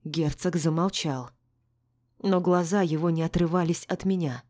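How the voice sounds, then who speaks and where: A woman reads a first-person audiobook in a measured, tense voice. Her pitch sits low and dark for a woman. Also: fairly even intonation. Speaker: audiobook narrator.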